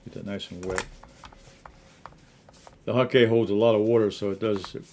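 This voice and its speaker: Male watercolor instructor, fairly low voice, casual studio tutorial, halting delivery with repeated phrases. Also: fairly even intonation, darkish tone. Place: painting studio.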